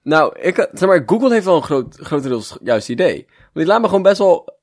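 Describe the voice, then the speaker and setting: Playful man with lively pitch. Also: fairly quick. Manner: wry, playful asides. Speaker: podcast co-host. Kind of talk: casual comedic chat.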